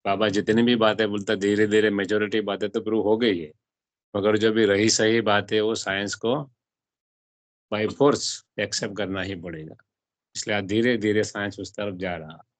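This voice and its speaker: Man giving a spiritual talk, low voice, dry close sound, quizzes his listeners. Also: level tone, normal speed, dry recording. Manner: asks the audience questions and mixes in English words. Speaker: spiritual teacher. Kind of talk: explaining a religious text to a class.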